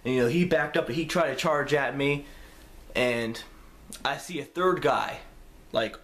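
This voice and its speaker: Young man, vlogger, casual storytelling, profane, animated. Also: medium pitch, measured pace.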